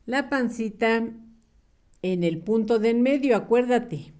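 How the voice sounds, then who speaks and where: Teacher type: woman, patient, sing-song, spells out syllables slowly for little kids, lively higher voice. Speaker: primary school teacher. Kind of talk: slow, clear early-reading lesson for small children.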